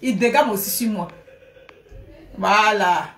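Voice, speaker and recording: A middle-aged woman chatting live to her viewers from a room at home, animated, often laughing, thanking people by name. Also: medium pitch, takes it slowly. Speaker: livestreamer. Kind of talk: casual live stream chat. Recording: echoey room.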